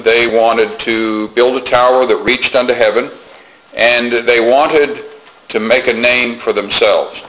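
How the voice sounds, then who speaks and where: A man preaching a sermon to his congregation in a measured way, often pausing with "uh" between thoughts. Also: medium pitch, slight background noise, low-quality recording. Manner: measured, with frequent "uh" pauses; soft-spoken in prayer.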